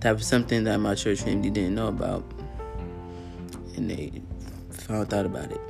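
Gravelly low-voiced man telling his story. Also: steady tone, normal speed, over music. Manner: earnest, frequent throat clearing and fillers. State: tired, yawning. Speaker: podcast host. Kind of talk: casual personal storytelling.

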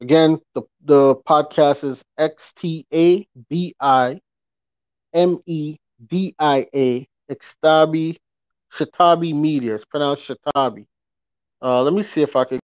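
A man's voice: a little high, fairly even intonation, unhurried, dry recording. Emphatic man ranting on a stream. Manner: emphatic, repeats points, asks rhetorical questions. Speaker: podcast host. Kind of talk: casual live-stream rant. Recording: dry, dull lo-fi audio.

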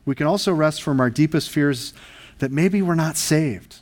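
A man's voice: a little high, moderate pace. A male pastor preaching a sermon, earnest and emphatic, asking the congregation rhetorical questions.

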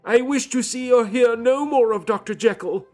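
A man voicing a doomed, shaken older doctor who talks in a loud, unsteady, pleading voice. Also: fairly high pitch, expressive, a little slow, husky, faint music behind, voice pushed up, full character voice. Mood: agitated.

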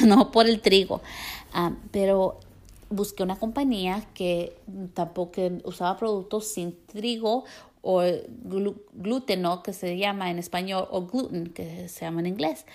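Chatty woman with vocal fry. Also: medium pitch, darkish tone. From California. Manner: chatty, mixes English words like "so" into Spanish. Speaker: stylist and social media creator. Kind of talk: casual advice talk to viewers.

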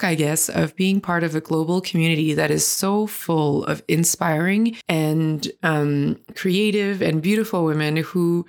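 Hosting a podcast, this woman speaks in a gravelly, lowish voice with a Quebec French accent. Her introduction runs long and earnest, full of filler words.

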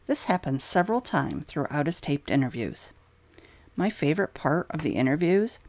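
A woman with a low voice narrating a true crime script, her pitch rising and falling a lot as she stresses key points. The sound is dry and close. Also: darkish tone, dry recording.

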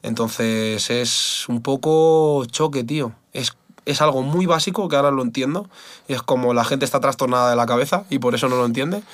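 Man, fighter guest, blunt casual talk, dry close sound, middle pitch. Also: normal speed, a bit bright, dry recording. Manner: candid and blunt, swears often, says "tío" and "¿sabes?" a lot. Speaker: MMA fighter, podcast guest.

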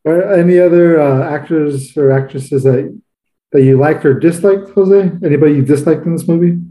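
A man's voice: fairly high pitch, normal speed, warm tone, echoey room, poor audio. A man co-hosting a podcast, chatting casually about a movie and asking the others questions. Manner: easygoing, asks the others questions. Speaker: podcast co-host. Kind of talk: casual movie review chat.

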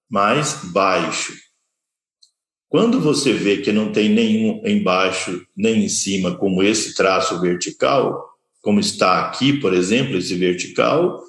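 A man teaching a scripture study class, explaining terms slowly and repeating key words while pointing at slides. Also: fairly low pitch. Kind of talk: slow explanatory lecture. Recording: echoey room.

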